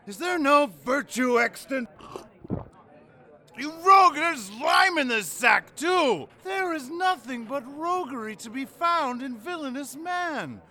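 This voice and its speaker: A man's voice: extremely high pitch, lively intonation, a little slow, few pauses, sharp tone, exaggerated voice. An actor playing a fat, boastful old drunken knight in Shakespearean style, declaiming his grievances in blustering outbursts. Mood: indignant, self-pitying. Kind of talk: Shakespearean stage acting.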